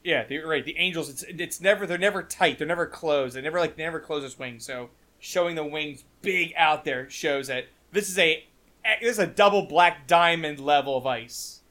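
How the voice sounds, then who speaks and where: A man's voice: on the high side, moderate pace, fairly bright tone. A man chatting casually about a film scene, rambling with many restarts and fillers. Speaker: podcast co-host.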